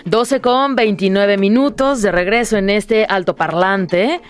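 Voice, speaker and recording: A woman's voice: mid-range voice, measured pace, soft background music. A woman with a Mexican accent hosting a radio show, bantering playfully and interviewing guests. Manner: playful, laughs easily, bantering. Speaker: radio host. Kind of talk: casual radio chat.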